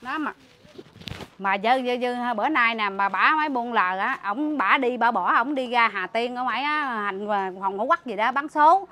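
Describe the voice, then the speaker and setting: Animated and fairly high-pitched, her voice pushed and bright, a woman speaks at a moderate pace with a Southern Vietnamese accent. As the relative caring for a sick man, she is interviewed and gives an emotional account. She rushes it, indignant, repeatedly restarting.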